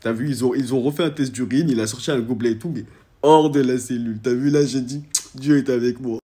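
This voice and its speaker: This young influencer tells his followers a personal story in loose, slangy language, veering from loud outbursts to low mutters. His husky voice holds a steady tone while he talks quickly.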